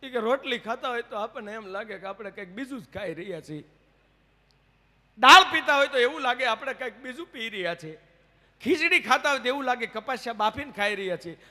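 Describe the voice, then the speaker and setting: A man playing a miserable henpecked husband in a stage joke, complaining in a low, hushed moan. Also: expressive, brisk, heavily acted. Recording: echoey hall with instruments behind.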